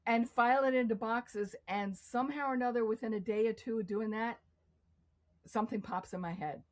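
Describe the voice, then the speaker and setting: Casting: middle-aged woman, chatty interview guest, animated storyteller who acts out quotes. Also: fairly high pitch, fairly quick. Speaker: guest artist. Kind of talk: casual interview conversation.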